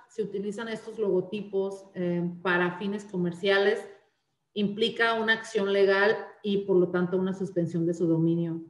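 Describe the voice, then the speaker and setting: Speaking in a mid-range voice with a roomy sound, a woman teaches an online class from slides. She explains things one step at a time, with frequent "eh" fillers and false starts.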